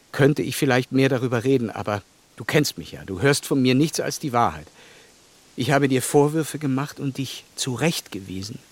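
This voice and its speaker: In a German radio play, an actor portrays an earnest, plain-spoken English gentleman who is lovestruck. He speaks haltingly and tenderly in a slightly rough, mid-range voice.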